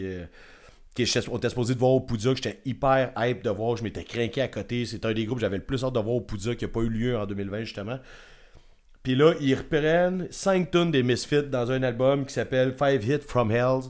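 A man's voice: medium pitch, a little mellow. A man with a Quebec French accent hosting a casual music review chat, rambling and enthusiastic with casual swearing. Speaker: podcast host.

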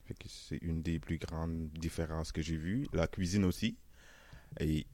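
A young man from Senegal with a Senegalese French accent softened by Canadian French, chatting easily in an interview and laughing often. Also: extremely low pitch, a little slow. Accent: Senegalese French, softened toward Canadian French. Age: young adult. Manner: relaxed, chatty, laughs often, many "euh" and "tu sais". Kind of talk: casual interview.

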